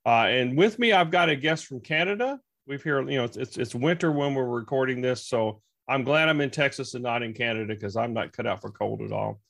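A man's voice: mid-range voice, a little fast, creaky, hardly any pauses, a bit bright. A rambling, joking male podcast host. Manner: rambling, joking, repeated restarts. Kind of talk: casual interview conversation.

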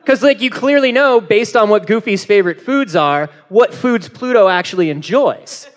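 High-voiced man hosting a comedy panel. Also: animated, normal speed. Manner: rambling, jokey, lots of filler. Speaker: podcast host on a live panel. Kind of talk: casual comedic banter. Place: live convention panel.

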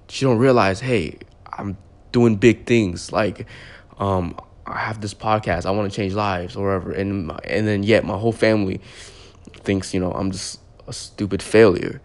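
A man's voice: lowish voice, steady tone, normal speed. A young man in his twenties, a podcast host, telling a personal story in a loose, rambling way full of "like" and restarts. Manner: rambling, heavy use of "like" and restarts.

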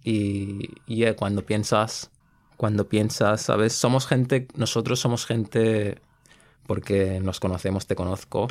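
Young male podcast host, low voice, earnest and relaxed, slangy casual chat. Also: takes it slowly. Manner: earnest, laid-back slang, frequent "¿sabes?" and English fillers.

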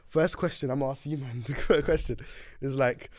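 A young man from Sudan, co-hosting a podcast in casual chat, quick and laid-back with lots of slang and restarts. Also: mid-range voice, a little mellow, no room sound, clean studio sound. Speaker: podcast co-host.

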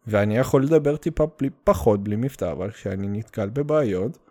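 Hosting a casual solo podcast, a Russian-accented man from the Soviet Union talks in a fairly low, slightly mellow voice with lively intonation. His delivery is rambling and stop-start, blunt and full of swearing, with English slang mixed in.

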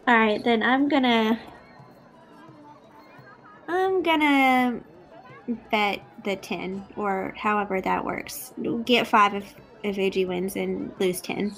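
A woman's voice: mid-range voice, slow pace, long pauses, a bit bright, soft background music. A woman playing a tabletop game, apologetic and unsure as she asks how the betting works. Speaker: player. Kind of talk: casual game chat.

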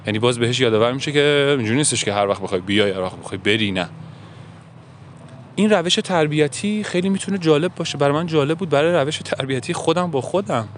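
A man's voice: mid-range voice, animated. Earnest musing man, faint traffic behind. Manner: earnest, musing, asks himself questions. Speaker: self-help podcaster. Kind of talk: reflective monologue.

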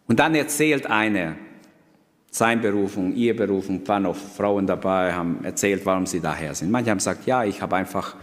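A man preaching a sermon, earnest and emphatic, moving between brisk storytelling and slow, solemn phrasing. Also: low voice. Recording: long reverb of a hall.

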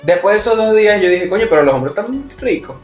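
A man's voice: sits high, animated, quick pace, dull audio. A man with a Venezuelan Spanish accent, hosting a casual, candid chat and telling his stories frankly and with animation. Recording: echoey room with faint music.

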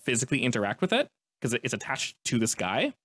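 A man's voice: mid-range voice, very animated, fast, a bit bright, no echo. A man working as a game master, improvising descriptive narration and explaining the rules in a conversational way.

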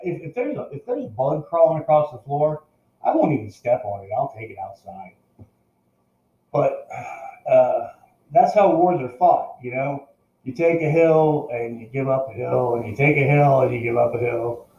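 An older man with a mellow, dark voice speaks earnestly to his viewers, urging them on in a casual talk to camera. He often stumbles, repeating and restarting words. The recording sounds roomy and slightly dull. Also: medium pitch, expressive, moderate pace. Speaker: vlogger addressing viewers.

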